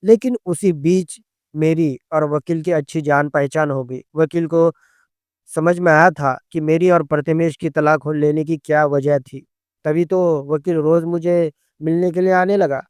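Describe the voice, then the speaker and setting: Man, storyteller, scripted narration, smooth voice, dry recording. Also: fairly high pitch, steady tone, measured pace, a little mellow, dry recording.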